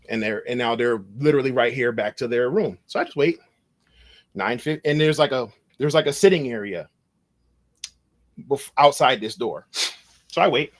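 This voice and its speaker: A man guest on a podcast, telling a long anecdote in a loose, animated way and acting out the dialogue as he goes. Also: mid-range voice, normal speed, long pauses. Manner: animated, acts out dialogue in his stories; loose phrasing with frequent restarts. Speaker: podcast guest, cybersecurity consultant. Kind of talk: conversational storytelling.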